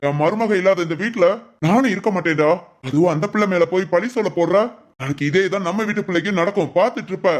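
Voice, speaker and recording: Guy voicing a righteous old cartoon father-in-law, lecturing, pretty high voice. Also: fast talker, lightly acted. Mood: indignant. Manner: lecturing, indignant. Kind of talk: cartoon voice acting.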